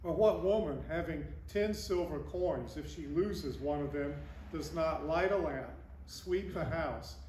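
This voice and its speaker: An older priest reads the gospel and then delivers a conversational sermon with broad gestures, filmed by a faraway camera inside a large wooden church with stained glass. His voice is on the high side and a little mellow, moving at a measured pace with hardly any pauses, and the echoey recording has slight background noise.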